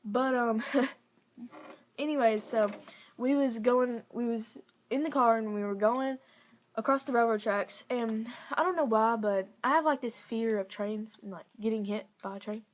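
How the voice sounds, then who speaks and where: A woman's voice: a little high, measured pace. A young woman telling a story to camera in a casual vlog, chatty and giggly, full of "like" fillers. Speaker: vlogger.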